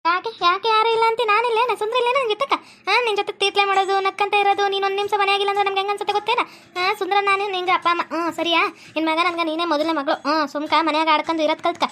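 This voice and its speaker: A woman with a North Karnataka Kannada accent voicing a cartoon family, talking fast like a scolding village woman. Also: very high voice, level tone, sharp tone. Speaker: narrator voicing all figures. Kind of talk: cartoon voice acting.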